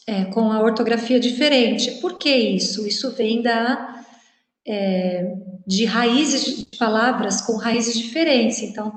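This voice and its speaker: A woman teaching a lecture with slides in a chatty, informal way, often checking in with her listeners and acting out quoted speech. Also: on the high side. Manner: chatty, frequent "né?" tags, acts out quoted speech. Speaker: teacher giving a presentation. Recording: echoey room with long reverb.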